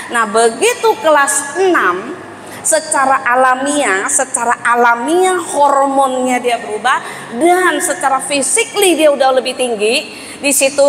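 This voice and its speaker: A woman giving a lively parenting seminar, quizzing the audience and acting out parents and children. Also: sits high, a little hiss or hum. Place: school hall seminar. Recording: reverberant hall with faint ambience.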